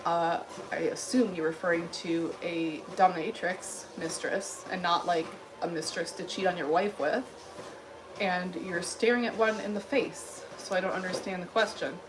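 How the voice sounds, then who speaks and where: A woman's voice: lowish voice, fairly even intonation, moderate pace, background noise. A woman from Illinois hosting a casual livestream, reading chat comments in a blunt, dry, dismissive way while walking on a treadmill.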